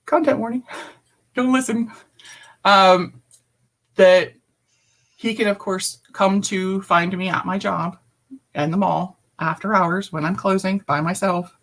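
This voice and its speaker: Woman guest on a call, mid-pitched voice, tells her story bluntly with hard emphasis and swearing. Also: steady tone, takes it slowly, pauses often. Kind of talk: personal storytelling in conversation.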